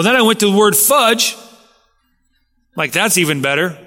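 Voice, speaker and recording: A man's voice: a little high, sharp tone, big-room sound. A man preaching a sermon as pastor, talking conversationally and asking his listeners rhetorical questions.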